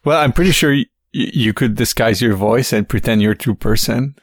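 A man's voice: medium pitch, a little fast, no echo. A man co-hosting a casual podcast, laid-back and joking. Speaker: podcast co-host.

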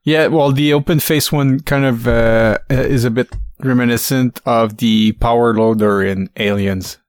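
A man's voice: mid-range voice, steady tone, measured pace, clean tone, dry recording, studio quality. A man co-hosting a casual podcast, laid-back and joking. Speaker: podcast co-host.

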